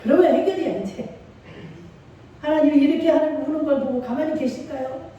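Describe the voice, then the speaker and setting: High-pitched woman preaching in an echoey hall. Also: steady tone, a little fast, mellow, dull audio, slight background noise. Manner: emotive, preaching with call-and-response. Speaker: pastor. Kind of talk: sermon. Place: church sanctuary. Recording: echoey church hall from far off.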